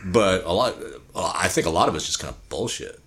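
Casting: low-voiced male podcast co-host, blunt, profane, rambling, fast talker. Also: animated. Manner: speaks rapidly by his own account. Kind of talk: casual chat.

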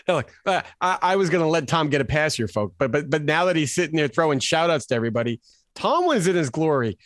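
A fast-talking American man with a fairly high voice co-hosts a casual sports podcast. He's an animated storyteller, acting out what people said as he tells his stories.

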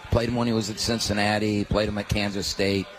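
An older man who coaches basketball, telling stories in a relaxed way with many restarts during a casual radio interview from a pub. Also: on the low side, a little fast, rough recording. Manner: relaxed storytelling with frequent restarts.

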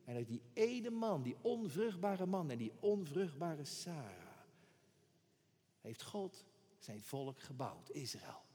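A man's voice: on the high side, sing-song, takes it slowly, dark tone, long reverb tail. A man preaching a sermon with emphasis, repeating words for effect.

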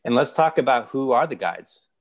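A man's voice: medium pitch, expressive, normal speed. A man hosting a podcast interview, friendly and welcoming, with frequent "um" fillers. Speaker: podcast host.

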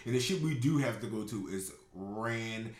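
A man co-hosting a podcast, chatting casually in a teasing, halting way. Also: on the low side, animated. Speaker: podcast co-host. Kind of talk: casual chat. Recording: echoey room.

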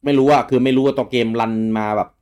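A young man co-hosting a casual gaming news talk show, getting animated and loud when excited. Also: mid-range voice, fast. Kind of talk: casual chat.

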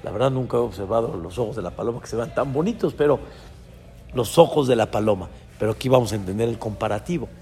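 Creaky-voiced rabbi in a reverberant hall. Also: male voice, mid-range voice, fast talker. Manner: lively, swings between loud emphasis and soft asides; chants short verses in the original text. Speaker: rabbi teaching a class. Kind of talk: Torah lesson on a biblical text. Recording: reverberant hall with faint background noise.

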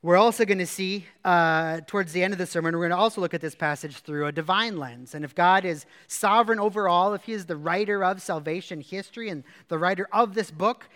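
A male pastor giving a sermon in a relaxed, conversational way, retelling a story in plain words with casual asides. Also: sits high, fairly quick, few pauses, in a large hall.

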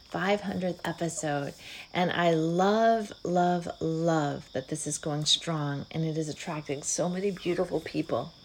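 Low-voiced woman hosting a gratitude podcast. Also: slight background noise, low-quality recording. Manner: slow, soft, affirming, with warm sighs and hums. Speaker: podcast host. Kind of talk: spiritual gratitude monologue.

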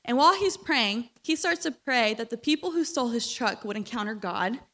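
A young woman preaching a sermon, animated and storytelling, with a voice still recovering from being lost. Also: fairly high pitch, a little fast. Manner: animated, storytelling, laughs when uncomfortable.

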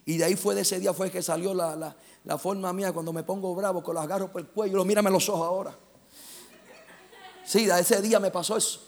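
A middle-aged man preaching a fervent sermon, telling stories and moving between loud and hushed passages. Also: high voice, vocal fry. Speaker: pastor.

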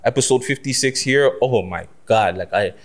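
A man's voice: mid-range voice, normal speed. A man hosting a casual podcast, talking emphatically in street slang and swearing freely. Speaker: podcast host.

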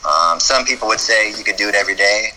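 Male chiropractor guest, low and very bright voice, casual and halting. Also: slight background noise, rough recording. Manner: halting, repeats words when starting a thought. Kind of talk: casual podcast chat.

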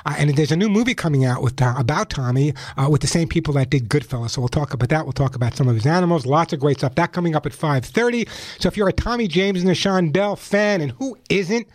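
A man's voice: fairly high pitch, animated, quick pace, hardly any pauses, no room sound. A man hosting a live radio call-in show, talking chattily and directly to listeners on a close microphone. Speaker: radio pet advice show host. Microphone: close studio microphone.

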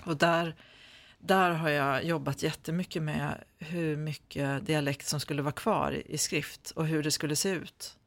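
A man's voice: a little high, steady tone, a bit bright, no room sound. A man speaking standard Swedish, answering interview questions as an author in a hesitant way, with many fillers and restarts. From Sweden. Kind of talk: conversational interview.

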